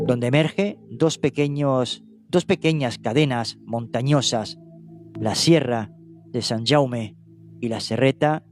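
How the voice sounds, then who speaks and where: The narrator is a man from Spain, not from Catalonia, recounting a true-crime case documentary-style. His medium-pitched voice has a darkish tone, and he reads steadily, pausing slightly and correcting himself now and then while music plays behind him.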